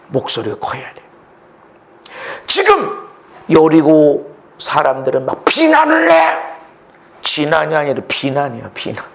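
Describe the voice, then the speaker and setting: A male pastor preaching a sermon, swinging from shouts to hushed asides and acting out the voices he quotes. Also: sits high, creaky. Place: church sanctuary.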